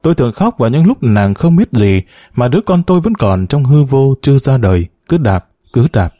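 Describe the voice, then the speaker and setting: A man narrates a novel in the first person, in a somber and measured way. His voice is mellow and dark in tone, recorded close and dry with no room sound. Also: medium pitch, sing-song, no room sound. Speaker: audiobook narrator.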